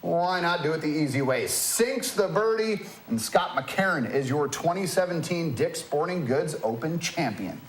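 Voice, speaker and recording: A man narrating scripted golf highlights as a commentator, with playful, colloquial quips. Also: lively intonation, moderate pace, hardly any pauses, reverberant, poor audio. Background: music.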